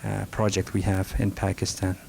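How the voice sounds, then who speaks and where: Taking questions from the audience, a middle-aged Afghan rug merchant from the north speaks in a low, creaky voice with a level tone. He is soft-spoken and halting, restarting frequently and using many fillers. The archival recording, made in a library meeting room, carries a faint hiss.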